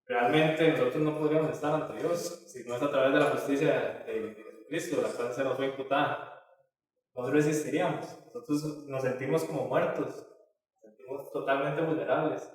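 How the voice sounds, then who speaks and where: A man's voice: medium pitch, fairly even intonation, moderate pace. A man teaching a Bible study lesson in a conversational way, with many filler tags and restarts. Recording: echoey hall from far off.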